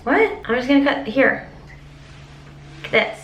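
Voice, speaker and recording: A woman's voice: sits high, steady tone, unhurried, a bit bright, reverberant, lo-fi sound, a little hiss or hum. A young woman in her twenties chatting casually in a vlog, bubbly and giggly. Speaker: vlogger.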